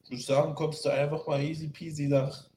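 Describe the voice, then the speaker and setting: A man's voice: on the high side, little pitch movement, brisk, dark tone, reverberant, slight background noise. A young man telling a rambling story in casual slang as a podcast co-host. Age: young adult. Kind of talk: casual chat.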